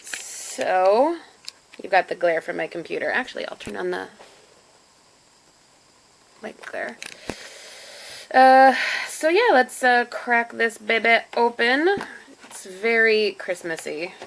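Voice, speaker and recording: A woman's voice: on the high side, animated, slow, vocal fry, long pauses, slight background noise, poor audio. A woman chatting casually to camera in a home vlog, self-deprecating and talking while she eats. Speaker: vlogger. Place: home room with computer.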